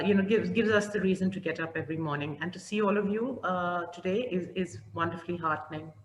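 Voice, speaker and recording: A woman from Pakistan, a company head, talking on an online webinar with lots of fillers and restarts. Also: on the low side. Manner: warm, with many fillers and restarts. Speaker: CEO of a training company, webinar panelist. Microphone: video call. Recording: echoey room, faint background noise.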